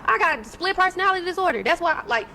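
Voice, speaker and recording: A woman in a casual monologue talking about herself in a rambling, animated way and acting out lines. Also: very high voice, fast talker, over music.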